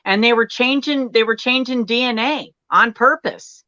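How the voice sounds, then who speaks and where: A woman guest in a casual live-stream chat, eager and quick to chime in with agreement. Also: a little high, pushed and bright, no echo, highs cut off. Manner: eager, frequent agreeing interjections.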